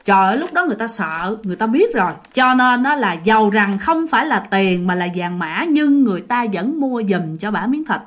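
A woman's voice: mid-range voice, very animated, fairly quick, hardly any pauses. A woman telling a ghost story in a chatty way, speaking straight to her listeners. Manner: chatty, addresses listeners directly.

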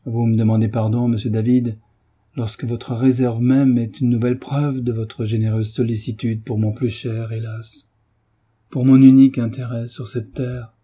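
A man with a husky, dark voice voicing an anxious, devoted young woman. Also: medium pitch, level tone, normal speed, close to an everyday voice.

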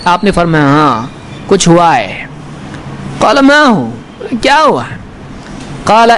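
A man with a very high voice delivers a sermon, reading Arabic lines and retelling them in everyday Urdu. He shifts his tone to play the people in the story. Faint background noise with passing vehicles sits behind him. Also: fairly bright tone. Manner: quotes Arabic text then explains in colloquial Urdu; acts out the speakers in the story with changing tone. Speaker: Islamic preacher.

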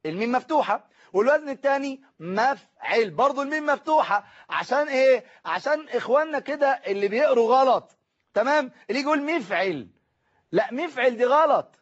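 A man teaching an exam-prep grammar lesson with an Egyptian accent, asking and answering his own questions and slowing down to spell out word patterns. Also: very high-pitched, animated, dull audio. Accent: Egyptian Arabic. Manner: asks and answers his own questions, drills the class to repeat forms. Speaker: Arabic teacher.

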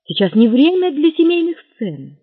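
A flustered young gentleman, voiced by a man, pleads and stammers in a high voice that swings widely. The sound is dry and tinny, like a narrow radio band. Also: huge pitch swings, normal speed, no echo, exaggerated voice.

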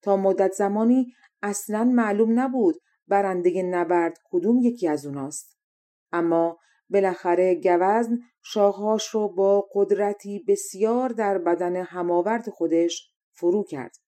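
A young adult woman narrating a fairy tale as an audiobook reader, calm and measured. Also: mid-range voice. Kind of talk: storybook narration.

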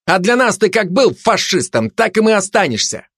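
A blunt, sharp-tongued tourist lays things out flatly in a raised voice, as a man puts him on. His lines rise and fall a lot and sound dry and close. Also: fairly high pitch, fairly quick, dry recording, voice pushed up.

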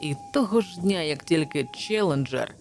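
A woman narrates an adventure novel in a low, steady voice. Her delivery is measured and even, with the calm pacing of a practiced reader. Soft music plays faintly beneath her. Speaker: audiobook narrator. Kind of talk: audiobook narration.

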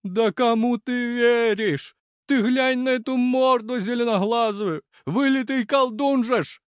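A man doing a yelling stout village woman. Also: very high-pitched, a little slow, clear, resonant tone, no room sound, studio quality, voice pushed up. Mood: accusing. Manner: yelling, accusing.

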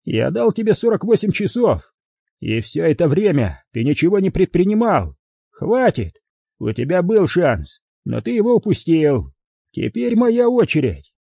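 A man's voice: a little high, big pitch swings, moderate pace, gravelly, mellow, slightly rough, dry recording, clean studio sound, voice pushed up, exaggerated voice. A man voicing a ruthless middle-aged London gang boss who snarls his threats. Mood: snarling, threatening. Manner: snarling, menacing.

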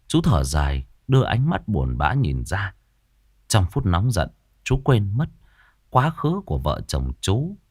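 Male audiobook narrator for ghost stories, very animated pitch, dry close sound over faint music. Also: no echo. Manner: dramatic, expressive storytelling.

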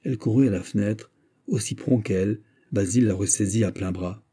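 Husky, dark-voiced male audiobook narrator. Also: lowish voice. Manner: measured, steady literary reading. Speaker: audiobook reader. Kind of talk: scripted narration of a literary story.

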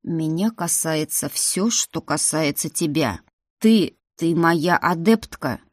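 Woman narrator doing arrogant ice dragon prince: slow, low growl, husky, dry close read. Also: no echo. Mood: stern. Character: arrogant male ice dragon prince, stern academy dean.

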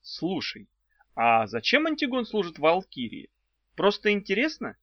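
A man voicing an anxious, quick-witted teenage girl in an audiobook, asking eager questions. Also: sits high, huge pitch swings, dry recording, voice pushed up, exaggerated voice. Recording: dull lo-fi sound.

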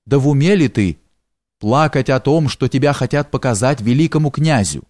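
A man's voice: medium pitch, animated, moderate pace, darkish tone, no echo, clean studio sound, lightly acted. A man voicing a fussy old woman nurse in an audiobook, talking in a raised, whining, pleading voice. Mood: scolding.

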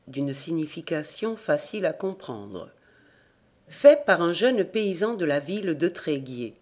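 A man narrating folk legends for a volunteer audiobook, measured and steady. His storytelling moves at an even, unhurried clip, clear and plain, close to a home microphone. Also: high-pitched. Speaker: audiobook reader. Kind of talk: scripted narration of folk tales. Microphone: home recording mic.

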